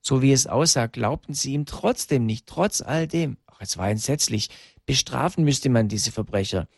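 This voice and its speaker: A man narrating a story slowly and emotively, with dramatic pauses. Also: mid-range voice, creaky, no echo, clean studio sound.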